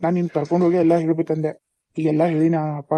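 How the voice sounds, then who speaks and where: A man's voice: fairly high pitch, level tone, quick pace, mellow, no room sound, lightly acted. A man with a North Karnataka accent voicing a caring older brother in a cartoon. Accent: North Karnataka Kannada. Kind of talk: cartoon voice acting.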